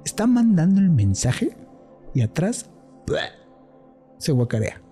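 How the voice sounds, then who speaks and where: A man with a Mexican accent telling a personal paranormal story as a guest, earnest and animated. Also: fairly high pitch, slow pace, slightly rough, soft background music. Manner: earnest, animated storytelling, switches into quoted voices.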